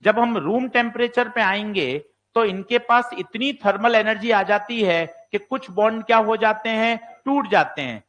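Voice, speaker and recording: A man's voice: high-pitched, normal speed, hardly any pauses, a bit bright, dull audio. A man teaches physics in an exam-prep lecture. He fires questions at his students and answers them himself. Now and then he takes the student's part to voice a doubt. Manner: plays the student voicing doubts.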